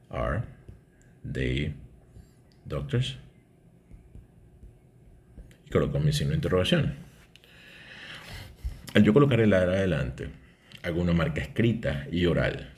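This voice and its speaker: A man, teaching an English grammar lesson and explaining step by step, often checking in with "¿ok?". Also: rumbling low.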